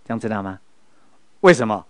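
A man's voice: on the low side, lively intonation, fairly quick, clean tone, no echo. A middle-aged man with a Taiwanese Mandarin accent gives a Buddhist spiritual lecture. He tells stories and keeps asking his audience rhetorical questions.

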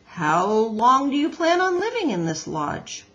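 A woman acts out a stubborn father beaver from a children's storybook. He talks in a blunt, folksy, grumbling way, grudgingly helpful, with plenty of swing in the pitch. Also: very animated, measured pace, fairly bright tone, dull audio. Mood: folksy, grudgingly friendly.

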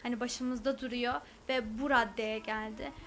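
A woman's voice: fairly high pitch, fairly even intonation, moderate pace, fairly bright tone, slight background noise. A young woman, a university student, giving testimony to a news camera with hesitant filler sounds. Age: young adult.

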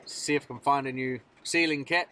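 A man's voice: medium pitch, steady tone, a little fast, pushed and bright. A man in his thirties, a mobile mechanic, casually explaining a repair to a phone camera, matter-of-fact with many fillers. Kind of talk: casual work vlog narration. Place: van cab and outdoors at a vehicle in rain. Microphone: phone camera held at arm's length.

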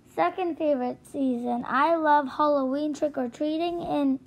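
A cheerful little girl from a storybook, read by a woman in her own high voice. She talks slowly and sometimes trips over her words. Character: cheerful young girl, spring lover.

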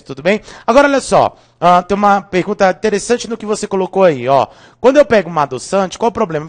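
A man with a Brazilian Portuguese accent teaching a live online chemistry review class, joking and constantly checking in with his students. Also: high voice.

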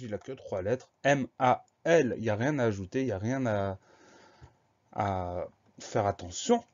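A man's voice: mid-range voice, darkish tone, lo-fi sound. Man patiently spelling words aloud. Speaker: teacher. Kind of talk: spelling lesson.

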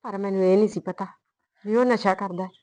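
A woman's voice: mid-range voice, fairly even intonation, quick pace, a little mellow, lightly acted, rough recording. A woman playing a worried rural mother who scolds and pleads with her daughter. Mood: scolding. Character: worried rural mother, firm yet loving. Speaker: mother of the heroine. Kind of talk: village short-film drama.

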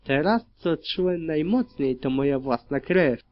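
A man narrating dark fan fiction in the first person as an audiobook, reading in a grim, steady manner. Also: a little high, measured pace. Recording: dull lo-fi recording.

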